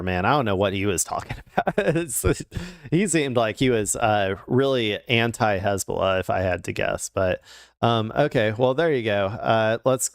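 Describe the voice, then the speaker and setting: A man's voice: lowish voice, no echo, clean studio sound. A man commenting casually on political news clips, rambling with frequent fillers and restarts.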